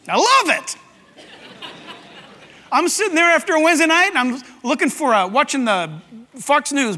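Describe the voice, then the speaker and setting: A male pastor preaches in a high, ringing voice that rises and falls all the time. He is animated and acts out quotes and voices. The sound carries a long reverb from a large hall. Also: slight background noise. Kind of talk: sermon.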